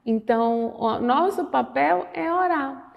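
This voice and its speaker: Gravelly-voiced woman teaching in an echoing room. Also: sits high, takes it slowly, highs cut off. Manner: animated, re-enacts dialogue, earnest devotional tone. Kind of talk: lesson with personal storytelling.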